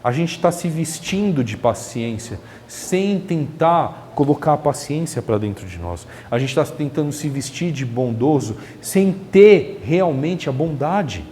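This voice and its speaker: A man's voice: fairly high pitch, expressive, measured pace, hardly any pauses, warm tone, big-room sound, a little hiss or hum. A man giving a spiritist lecture in a chatty way, asking the audience rhetorical questions. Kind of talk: religious lecture. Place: lecture hall of a spiritist center.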